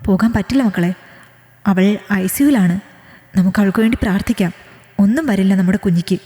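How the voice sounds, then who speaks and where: Woman doing kind middle-aged male teacher, calm, caring, mellow voice, echoey room. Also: mid-range voice, a little fast, lightly acted. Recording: echoey room with long reverb.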